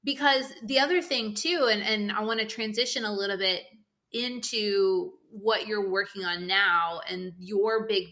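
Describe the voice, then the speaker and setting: Brief: a woman podcast host, bright and forceful tone, reflective questions. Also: medium pitch. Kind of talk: conversational interview.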